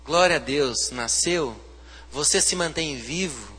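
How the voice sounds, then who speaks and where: A man with a Brazilian Portuguese accent, a pastor preaching a sermon, swinging from hushed to loud, fervent delivery. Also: fairly high pitch, animated, takes it slowly, husky, in a large hall.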